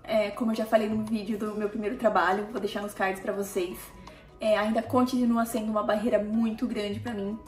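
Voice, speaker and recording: A woman's voice: medium pitch, flat delivery, a little fast. Woman, Brazilian Portuguese accent, casual vlog talk, chatty asides to viewers, echoey room. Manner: chatty, keeps addressing viewers with tag questions. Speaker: family vlogger. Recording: roomy echo with faint music.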